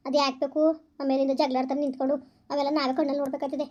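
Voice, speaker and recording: Village drama: actress as worn-down mother, high and flat, very fast scolding delivery. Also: highs cut off, lightly acted. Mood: resigned. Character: weary village mother, scolding yet resigned.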